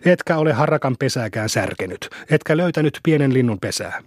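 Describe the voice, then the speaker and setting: A man's voice: mid-range voice, animated, dry recording, studio quality, natural voice. A man voicing a boastful, argumentative little village boy in an audiobook. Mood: arguing. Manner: bragging, argumentative.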